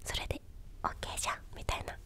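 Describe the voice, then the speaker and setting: Whispering young woman in casual ASMR chat. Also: very fast. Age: young adult. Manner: soft, unvoiced whispering. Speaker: ASMR video creator. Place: small quiet indoor room with a bed or sofa. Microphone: desktop condenser microphone, close up.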